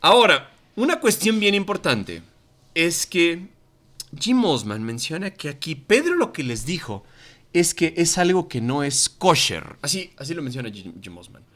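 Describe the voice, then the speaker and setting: A man's voice: fairly high pitch, a little slow. A man with a Mexican accent teaching a Bible study class to a congregation in church, speaking into a microphone and acting out quoted voices. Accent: Mexican Spanish. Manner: animated, acts out quoted voices. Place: church meeting room.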